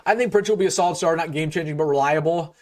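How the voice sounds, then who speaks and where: A young man with a slightly high voice talks rapid-fire while hosting a casual live sports stream. He's opinionated and keeps restarting sentences and using fillers, and his voice is getting a bit worn as he loses it a little.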